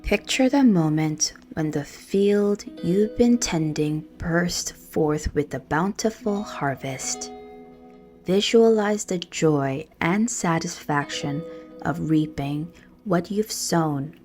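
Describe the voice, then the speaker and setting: A woman with a low voice speaks very slowly and soothingly, guiding a prayerful meditation with measured pauses. Gentle guitar music plays softly in the background.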